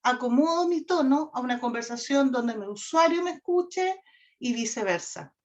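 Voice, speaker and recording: Woman instructor, higher voice, steady lecture with "¿cierto?" check-ins, muffled lo-fi sound. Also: normal speed. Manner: addresses class directly, frequent "¿ya?" and "¿cierto?" check-ins. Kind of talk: online lecture on communication. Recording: dull lo-fi audio.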